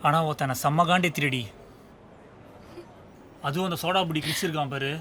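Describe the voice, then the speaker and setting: A man's voice: fairly high pitch, moderate pace, slight background noise. An actor playing a possessive, jealous young college man in a short film drama, pleading and calling after his girlfriend. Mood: sneering. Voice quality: pleading, then shouting after her. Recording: film soundtrack with loud music.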